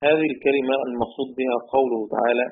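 A man's voice: mid-range voice, fairly even intonation. Egyptian man teaching over a tinny line. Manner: slowly chants quoted verse lines, repeating key words. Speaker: Quran recitation teacher. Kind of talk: lecture on Quran readings. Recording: tinny phone-like recording.

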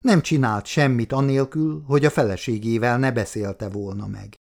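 A male audiobook narrator with a gravelly, rough-edged voice at an ordinary pitch. He reads steadily and matter-of-factly. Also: fairly even intonation, a little mellow.

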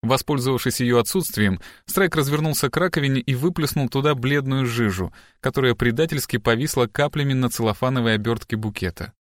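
A man's voice: medium pitch, fairly quick, few pauses, dry recording. Male narrator, dry close reading. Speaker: audiobook narrator. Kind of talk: scripted narration.

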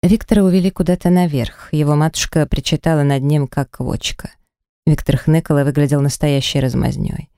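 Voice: medium pitch, steady tone, brisk, warm tone, clear, resonant tone, dry recording. A narrator reading a first-person romance audiobook dramatically and expressively into a close mic.

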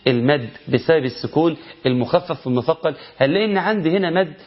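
A man with an Egyptian Arabic accent teaching a tajweed lesson, asking rhetorical questions and chanting verse examples slowly. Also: a little high, lively intonation, highs cut off. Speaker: Quran recitation teacher.

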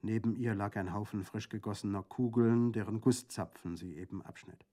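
A man narrating a classic novel in a measured storytelling manner. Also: fairly low pitch, steady tone, warm tone. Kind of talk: literary audiobook reading.

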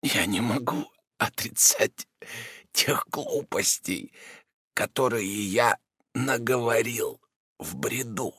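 A man voicing a gravely ill, cunning Jesuit who speaks weakly, slowly and with quiet irony, half in a whisper. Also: medium pitch, lively intonation, no room sound, studio quality, voice pushed up, exaggerated voice. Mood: suffering. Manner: weak, halting, ironic, half-whispered. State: feverish and exhausted.

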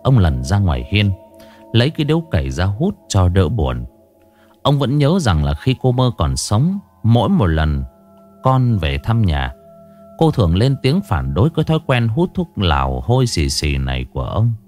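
A man narrating a scripted ghost story in a dramatic, expressive reading. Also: on the low side, moderate pace, faint music behind.

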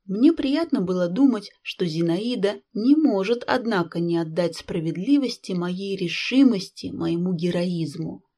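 A woman narrating a classic novel in first person, calm, measured and reflective. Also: lowish voice. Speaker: audiobook reader. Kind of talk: scripted literary narration.

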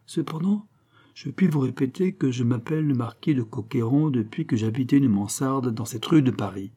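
A man reading an audiobook and voicing a smooth-talking, menacing male villain with falsely genial politeness. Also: medium pitch, normal speed, mellow, lightly acted. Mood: mock-polite.

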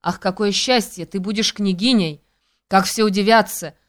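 Excitable young girlfriend, read by a woman. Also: mid-range voice, normal speed, natural voice. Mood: excited. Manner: excited, exclaiming. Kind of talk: audiobook character reading.

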